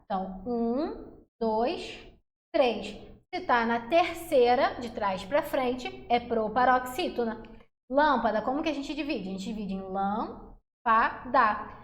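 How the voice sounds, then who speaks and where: Bubbly high-voiced woman teaching grammar. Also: a little slow, roomy sound. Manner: chatty, energetic, calls viewers "meu amor" and "galerinha". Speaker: Portuguese teacher. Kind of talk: upbeat online grammar lesson.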